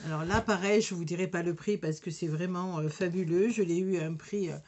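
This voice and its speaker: A woman's voice: fairly low pitch, steady tone, brisk, darkish tone. A woman with a regional French accent demonstrating a sticker machine in a casual, hesitant way, full of fillers and restarts. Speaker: crafting demonstrator.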